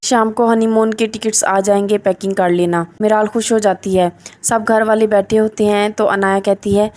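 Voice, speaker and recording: Flat-toned woman narrating a recap. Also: medium pitch. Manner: reads the characters' lines in her own voice. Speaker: drama reviewer.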